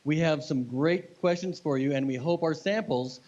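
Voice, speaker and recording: A man's voice: a little high, moderate pace, a little mellow, dull audio. A man who hosts an event, talking informally and repeating words as he goes. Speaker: event organiser and host. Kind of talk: informal interview and event talk. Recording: clear background noise and hiss.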